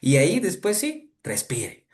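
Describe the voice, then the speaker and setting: A young adult man, a clinical psychologist, calmly explaining a coping technique step by step with examples in an interview. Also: a little high. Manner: calm, measured, teaching step by step with examples.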